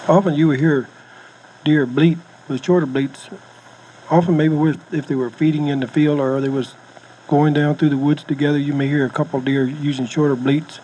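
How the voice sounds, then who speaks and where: On a noisy, home-style cassette tape, an American man gives informal hunting instruction in plainspoken, folksy language. His voice sits on the high side, with a level, warm tone and a moderate pace.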